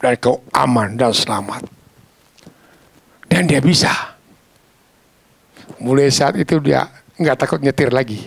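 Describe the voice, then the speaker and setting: A man preaching a sermon, telling stories in a lively, casual, slangy way and acting out the voices of the people in them. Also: medium pitch, slow pace, vocal fry, pauses often, husky, no room sound. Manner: animated, acts out quoted voices.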